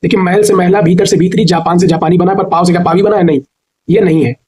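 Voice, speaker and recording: A male teacher with a North Indian Hindi accent giving an exam-prep grammar lesson, asking questions and answering them himself, slowly spelling words out syllable by syllable. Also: high voice, fairly even intonation, dark tone, husky, low-quality recording. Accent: Hindi-speaking North India.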